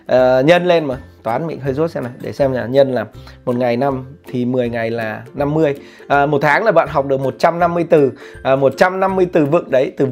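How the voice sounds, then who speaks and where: A man talks casually in a slightly high voice and gives study advice. He rambles, stops for fillers and corrects himself as he goes. Soft music plays under his voice the whole time. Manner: says plainly he is not a teacher. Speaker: vlogger sharing study tips. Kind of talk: casual spoken tutorial. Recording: light background music.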